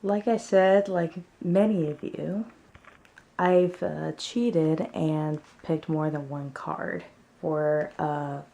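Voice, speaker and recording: A woman's voice: low voice, steady tone, slow pace, creaky, dark tone. A woman chatting casually at home as she presents her favorites in a vlog. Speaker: tarot deck reviewer.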